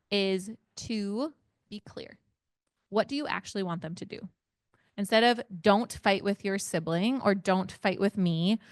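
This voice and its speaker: A woman's voice: mid-range voice, clear, resonant tone, dry recording, studio quality. A woman parent educator leading an interactive workshop, engaging the group with frequent questions and hands-on exercises. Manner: engaging, asks the audience many questions.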